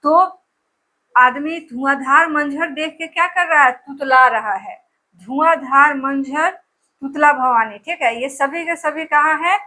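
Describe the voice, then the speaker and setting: A woman's voice: high-pitched, measured pace, sharp tone. A woman teacher giving an exam-prep lesson, drilling place names with memory tricks and repeating each answer over and over.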